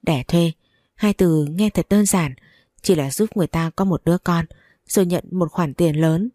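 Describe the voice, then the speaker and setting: A woman's voice: lowish voice, moderate pace, dark tone, dry recording, clean studio sound. A woman narrating a story in the first person with a sorrowful, emotional reading.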